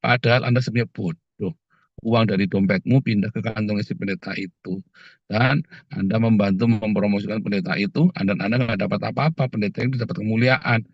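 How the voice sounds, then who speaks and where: A man preaching a casual, animated sermon, often calling his listeners "saudara" and slipping into quoted voices. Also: on the low side, a little fast, dry recording. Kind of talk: conversational sermon. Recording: dull muffled dry sound.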